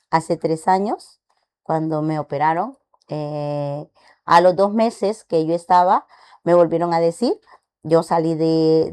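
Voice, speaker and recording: A woman's voice: medium pitch, darkish tone. A woman on a faith podcast telling a personal testimony, stressing points by repeating her words. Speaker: podcast co-host.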